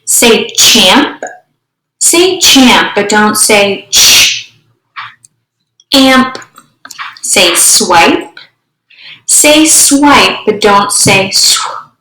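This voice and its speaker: A woman teacher leading a phonics drill, slowly and deliberately sounding out each part of a word. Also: medium pitch, expressive, background noise. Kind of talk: slow phonemic awareness drill for young students. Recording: echoey room.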